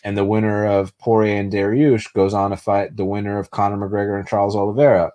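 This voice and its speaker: This young male host has a warm, fairly low voice with a flat delivery, and he speaks fairly quickly. He chats through viewer comments on a casual live stream, swearing freely and full of fillers and restarts. Spanish came first for him, but he was raised in the US.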